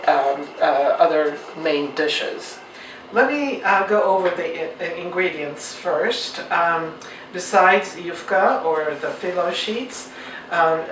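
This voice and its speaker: A woman's voice: on the low side, fairly bright tone. Woman home cook, patient demo voice, distant mic in an echoey room. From Turkey. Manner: patient, explanatory, homely. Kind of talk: cooking demonstration. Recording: roomy, distant mic, faint noise.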